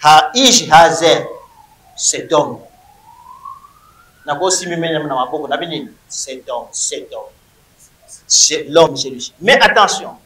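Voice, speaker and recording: A man's voice: on the high side, expressive, slow pace, long pauses, bright, forceful tone, roomy sound, slight background noise, rough recording. A man teaching a Hebrew grammar lesson to a class, emphatic and repeating words to drill them.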